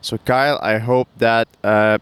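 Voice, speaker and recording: A man's voice: medium pitch, fairly even intonation, unhurried, a bit bright, clean tone. A man, a cycling coach, casually answering fan questions outdoors in a parking lot, talking over passing truck noise.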